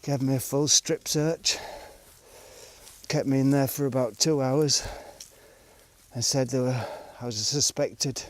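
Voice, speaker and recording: An Englishman casually tells stories about his travels, rambling along with plenty of fillers and restarts. His voice is medium-pitched and steady, and he takes his time.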